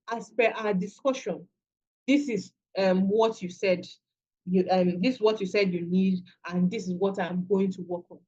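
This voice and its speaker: A Nigerian-accented woman training virtual assistants delivers a masterclass lecture in a conversational style, often restarting her phrases. Her voice is medium-pitched and darkish, captured with lo-fi sound.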